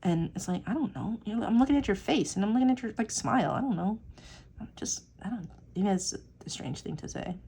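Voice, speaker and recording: An artist vlogger, a young woman, rambles casually on tangents as she inks a drawing, swearing here and there and leaning on fillers like "like" and "um." Her mid-range voice is animated and fairly quick, mellow but creaky and slightly rough.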